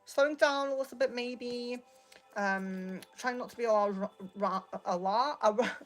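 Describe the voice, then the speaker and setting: A woman hosting a casual live card reading, speaking in a gently reassuring, meandering and hesitant way. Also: a little high, unhurried, faint music behind. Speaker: tarot and oracle card reader, live host.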